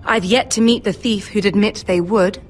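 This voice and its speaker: An actress playing a poised, commanding young noblewoman in a video game drama, formal and measured. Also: mid-range voice, steady tone, soft background music, natural voice. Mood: stern, suspicious. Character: poised, commanding young noble lady, betrothed future queen.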